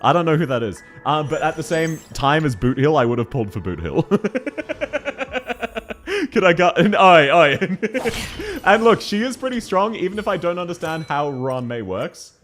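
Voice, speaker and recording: A man with a fairly high voice streams a video game over clear background music. His pitch swings around in an animated way as he chats casually and gigglily with viewers. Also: a little slow. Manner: chatty, giggly, answers viewers as they come. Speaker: livestreamer playing a game. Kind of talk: casual livestream chat while gaming.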